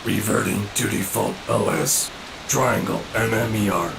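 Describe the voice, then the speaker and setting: A glitching robot villain. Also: male voice, fairly low pitch, unhurried, gravelly, background noise. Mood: mechanical. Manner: flat system-message readout. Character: glitching villain machine shutting down. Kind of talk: video game voice acting.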